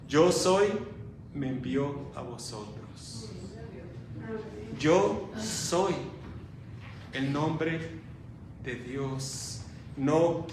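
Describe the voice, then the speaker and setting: Slow-preaching man in an echoey church. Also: on the high side, a little hiss or hum. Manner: slow, dramatic, swings from loud to hushed. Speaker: pastor. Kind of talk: sermon. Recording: echoey church hall, from far off.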